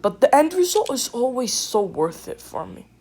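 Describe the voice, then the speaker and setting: A woman giving casual gameplay commentary with a stuffy nose, rambling and excitable, often cutting herself off. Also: on the high side, normal speed. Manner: rambling, excitable, self-interrupting. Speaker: gaming video creator.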